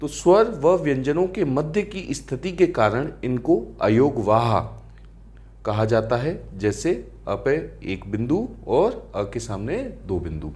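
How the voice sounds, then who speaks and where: A man's voice: medium pitch, sing-song, takes it slowly, darkish tone. A man teaching grammar in a lecture, often asking the class rhetorical questions and calling them friends. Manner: asks rhetorical questions, calls students friends and beta.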